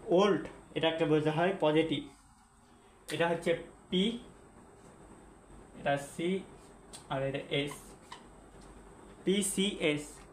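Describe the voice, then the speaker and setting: A man with a slightly high voice teaches at a whiteboard, spelling out words letter by letter and often asking his viewers questions. He is recorded in an echoey room with a faint hum underneath. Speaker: English teacher. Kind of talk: classroom-style lesson at a whiteboard.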